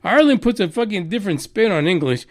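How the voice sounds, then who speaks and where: Fast, high-pitched and lively in intonation, a Texas man hosts radio news with profane, meandering commentary that mocks its subjects and is full of filler.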